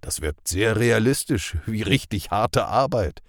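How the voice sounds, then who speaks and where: Figure: male reader playing cheeky young reporter, teasing, voice lifted above his own deep register, dry sound. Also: lively intonation, measured pace, no echo.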